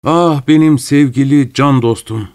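A man reading an audiobook, voicing a fawning middle-aged widower who speaks in a shrill, affected, theatrical way. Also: moderate pace, a little mellow, lightly acted. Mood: gushing. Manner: gushing, theatrical, overly familiar.

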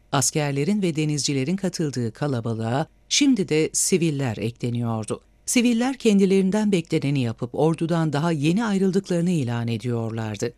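A man reading a novel aloud as an audiobook narrator, with measured, expressive storytelling. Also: on the high side, no room sound. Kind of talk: scripted narration.

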